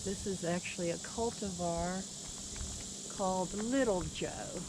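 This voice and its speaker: A woman giving a casual, unhurried, plainspoken tour of a garden. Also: lowish voice. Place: outdoors in a garden. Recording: noisy outdoor recording with insect sounds. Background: crickets and insects.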